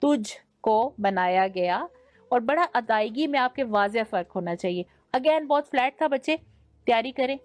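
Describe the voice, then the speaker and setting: A woman's voice: high-pitched, lively intonation, normal speed, no room sound. A young woman with a Pakistani Urdu accent, judging a naat competition and giving teacherly feedback that mixes in English words. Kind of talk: judge's critique.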